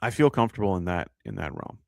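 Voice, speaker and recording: A man's voice: low-pitched, wildly swooping pitch, quick pace, creaky, no room sound, clean studio sound. A man with a New York accent hosting a live fantasy football show, talking casually and thinking aloud with lots of fillers as he answers viewer questions.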